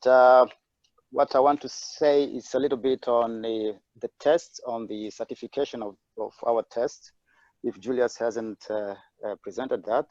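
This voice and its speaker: A man's voice: mid-range voice, dry recording. A man speaks over an unstable video-call connection, his voice dull and lo-fi. The audio is dry with no room sound. He talks hesitantly and fills gaps with "uh" and "um". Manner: hesitant, many fillers. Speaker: webinar presenter. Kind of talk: online presentation.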